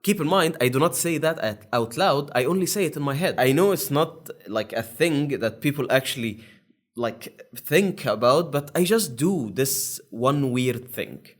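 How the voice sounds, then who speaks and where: A man's voice: mid-range voice, lively intonation, a little slow. A young man hosting his own channel, explaining in a casual, rambling monologue with many fillers and restarts. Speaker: YouTube channel host.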